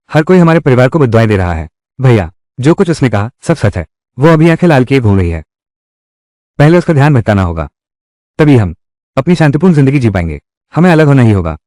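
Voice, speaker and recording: Man dubbing a family drama, dramatic, swooping pitch, dry close sound. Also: big pitch swings, fairly quick, pauses often, darkish tone, dry recording. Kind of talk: Hindi-dubbed drama, one voice for all roles.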